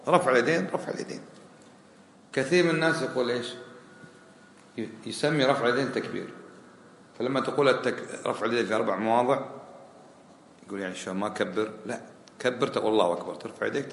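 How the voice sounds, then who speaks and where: A man's voice: mid-range voice, fast, long pauses, a bit bright. A man teaching a colloquial lesson on prayer rulings, questioning his students and repeating key phrases. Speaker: sheikh teaching a fiqh lesson. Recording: echoey hall with faint ambient noise.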